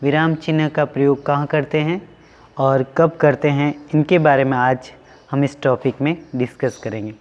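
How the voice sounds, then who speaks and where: A man teaching an online class to young pupils, going slowly and repeating each question with its answer. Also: mid-range voice, fairly even intonation, darkish tone, in a large hall, highs cut off. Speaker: school teacher.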